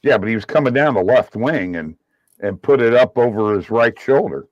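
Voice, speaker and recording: A man's voice: mid-range voice, expressive, normal speed, dry recording. Muffled man chatting, as through a wall. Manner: chatty, enthusiastic about hockey. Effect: muffled, as if heard through a wall. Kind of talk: casual sports chat. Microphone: remote call. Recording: dull muffled remote call line.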